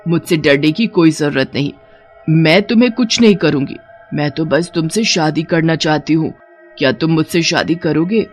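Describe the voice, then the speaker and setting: A lovesick female cartoon witch who coaxes gently, voiced by a woman. Her voice is lowered and soft, trying to reassure. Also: moderate pace, faint music behind, natural voice. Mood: coaxing. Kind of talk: cartoon voice acting.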